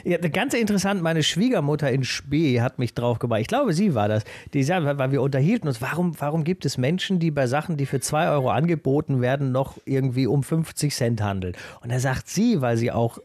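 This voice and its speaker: A man's voice: medium pitch, animated, fairly quick, hardly any pauses, a little mellow, dry recording. A man co-hosting a podcast in a casual chat, musing and reflecting with a slightly hesitant delivery. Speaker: podcast co-host.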